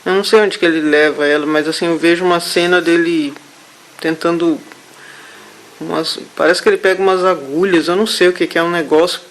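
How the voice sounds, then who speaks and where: A man haltingly recounting a vision during a therapy session, with many restarts. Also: fairly high pitch, fairly even intonation, a bit bright, rough recording. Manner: halting, hesitant, full of restarts. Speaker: therapy client.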